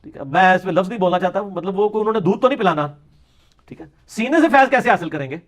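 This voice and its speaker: A man giving a polemical religious lecture, mocking his opponents and dropping into quips. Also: high-pitched. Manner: sarcastic, mocking, lapses into Punjabi quips. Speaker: religious speaker.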